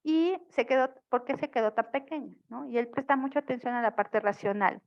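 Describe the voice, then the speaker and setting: A woman with a fairly high voice speaks fairly quickly over lo-fi audio. She's teaching an online family therapy class, explaining the material and often asking her students questions to check they're following.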